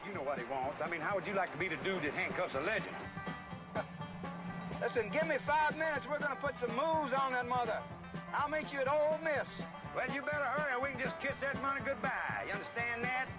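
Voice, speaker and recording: Gruff trucker on the cb radio, real high voice, loud music under it. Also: male voice, low-quality recording. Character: trucker calling on the CB. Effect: talking over a CB radio. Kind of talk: 1970s film dialogue. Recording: film clip with loud music.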